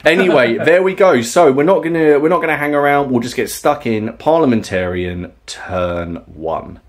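A man's voice: medium pitch, moderate pace. A man in his thirties hosting a tabletop wargame battle report, chatting casually and explaining the rules at home. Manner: relaxed, chatty, explains rules with fillers and laughs. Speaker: tabletop wargame player and channel host.

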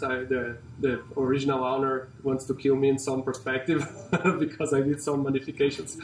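A Brazilian man in his forties, a company CEO and car collector, chats casually and haltingly about his car during a walkaround interview in a large garage showroom. His medium-pitched voice is full of fillers and restarts. The recording sounds roomy and distant, with a little hiss or hum.

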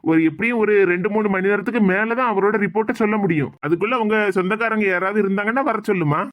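A voice actor playing a calm hospital doctor in a cartoon, speaking with a Kanyakumari Tamil accent and a soothing, explaining manner. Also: medium pitch, fast talker, lo-fi sound, natural voice. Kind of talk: animated cartoon comedy dialogue. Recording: hissy home recording.

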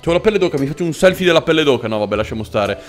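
A man hosting a let's play, giving excitable gameplay commentary, swearing a lot and chatting with the creatures on screen. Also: rapid-fire, faint music behind. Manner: jumps into squeaky cooing over cute creatures. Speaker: gaming channel host.

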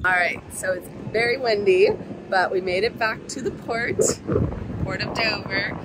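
Holding her phone camera at arm's length, a travel vlogger from the United States, in her thirties, talks through each step on a ship deck and at a port terminal. She speaks a little slowly in a steady, medium-pitched voice, chatty and casual, over some background noise.

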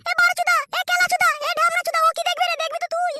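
A betrayed cartoon wife, tiny squeaky voice, shrill scolding fired off at racing speed over clear music. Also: little pitch movement, very fast, pushed and bright, no echo, full character voice. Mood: furious. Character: furious betrayed wife, adult woman.

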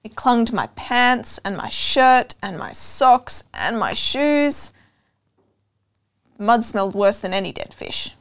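A young adult woman, acting as a storytime reader, reads a children's picture book aloud in an indoor room with a couch and bookshelves. Her fairly high, clean voice is very animated, and she reads slowly and expressively with deliberate phrasing. She pauses to ask the listener questions.

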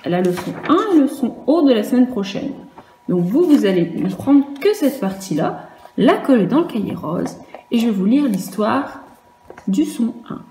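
A woman teacher leads a lesson for young children, her slightly high, mellow voice moving at an unhurried pace. She patiently spells words out letter by letter. The room sounds echoey, with a faint hiss of noise behind her. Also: big pitch swings. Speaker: primary school teacher. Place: room at home for a virtual class.

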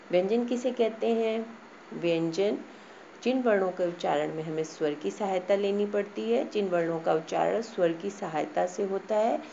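A woman schoolteacher giving a lesson to young children, speaking slowly and patiently, repeating and spelling out words. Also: medium pitch, darkish tone, highs cut off, a little hiss or hum. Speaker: school teacher. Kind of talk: online class lesson.

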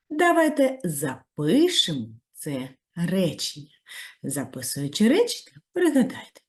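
Lively teacher woman with a low voice. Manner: warm encouraging teacher, praising and giving step-by-step tasks; very lively pitch, rising high on praise. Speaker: primary school teacher. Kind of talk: video lesson for children.

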